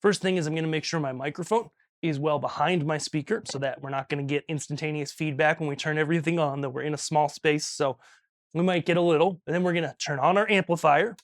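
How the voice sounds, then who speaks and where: Fast and a little high-pitched, this video host and audio instructor records in a small studio with no audible room sound. His tutorial is hands-on and relaxed, moving step by step and punctuated by regular "okay" check-ins.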